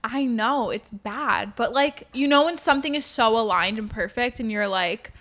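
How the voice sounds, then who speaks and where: A woman's voice: normal speed, fairly bright tone. A woman chatting casually as a show co-host, with gushing, emphatic millennial girl-talk full of filler slang. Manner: millennial girl-talk, peppered with "like", "literally", "low-key". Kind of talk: casual chat.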